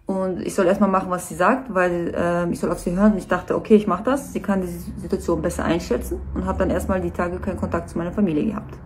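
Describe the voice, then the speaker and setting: A woman's voice: fairly low pitch, fairly even intonation, quick pace, hardly any pauses, a little hiss or hum. A nervous woman giving a personal statement to camera, earnest and hesitant.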